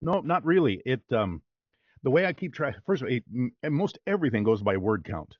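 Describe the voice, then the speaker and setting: A male voice-over artist, talking casually as an interview guest, in a relaxed and chatty way with fillers. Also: medium pitch, a little fast, no room sound, muffled recording.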